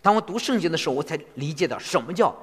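A man interpreting a sermon phrase by phrase in an animated way. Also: on the high side, very fast, slightly rough. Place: church hall. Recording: long reverb of a church hall.

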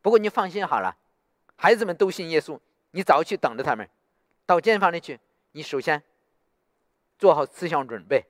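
A man's voice: fairly high pitch, lively intonation, moderate pace, pauses often, dry recording, clean studio sound, lightly acted. A man voicing a stern male prison warden who mocks and scolds a prisoner. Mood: scolding sarcastic. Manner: mocking, scolding.

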